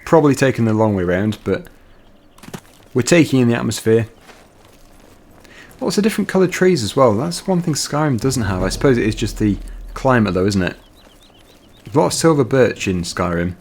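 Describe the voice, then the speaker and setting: A man's voice: medium pitch, expressive, moderate pace, pauses often, darkish tone, a little hiss or hum. A man giving chatty, rambling commentary while playing a video game. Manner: chatty, rambling, laughs easily. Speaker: let's play gamer. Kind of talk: casual gameplay commentary.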